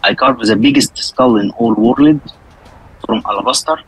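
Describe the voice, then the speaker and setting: A man's voice: mid-range voice, normal speed, fairly bright tone, breathy edge, low-quality recording. A man from Egypt with an Egyptian accent and Arabic as his first language, speaking simple non-native English as he tells his story in an interview, often repeating phrases. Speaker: interview guest, skull carver.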